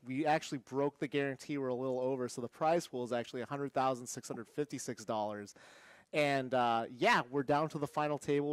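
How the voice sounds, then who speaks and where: A man commentating on a live poker broadcast, talking in a halting way with many fillers and restarts. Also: medium pitch, no echo.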